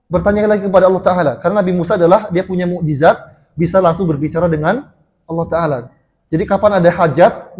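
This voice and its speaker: High-voiced Indonesian man preaching. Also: a little mellow, highs cut off. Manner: storytelling, restarts and fillers, addresses congregation. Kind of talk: mosque sermon. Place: mosque.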